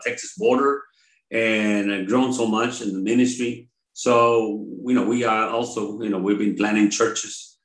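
An older man from Mexico, a pastor, talking in an interview in a halting way with many pauses and fillers. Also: fairly low pitch, a bit bright. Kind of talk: conversational interview. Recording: roomy echo.

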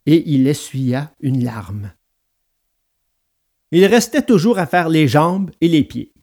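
A man narrating a children's storybook aloud in an expressive, dramatic read-aloud manner. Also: fairly high pitch, takes it slowly.

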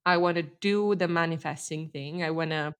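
A young woman in casual chat, talking reflectively and hesitantly, trailing off softly. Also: low voice, normal speed, smooth.

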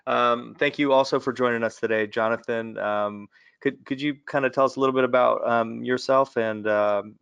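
A man hosting an informal webinar, speaking hesitantly with frequent pauses. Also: mid-range voice, steady tone, vocal fry, a bit bright, smooth, no room sound, muffled recording. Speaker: webinar host.

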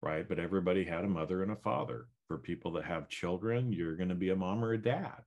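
A man's voice: low-pitched, quick pace, darkish tone. A middle-aged man co-hosting a podcast, talking in a loose, rambling way with lots of fillers and restarts. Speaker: podcast co-host. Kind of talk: casual chat.

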